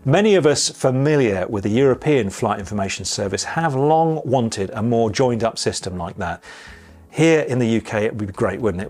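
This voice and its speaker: A man presenting a monthly pilot news briefing, reading a script in a chatty way with wry asides. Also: fairly low pitch.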